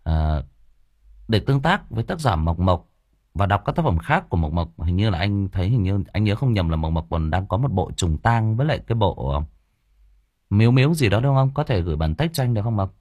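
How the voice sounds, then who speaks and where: A deep-voiced man hosting a live-streamed horror story reading, chatty and informal, greeting viewers and filling pauses often. His low voice moves with lively pitch, recorded close and dry with no room sound. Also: dry recording, lo-fi sound. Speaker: storyteller and livestream host.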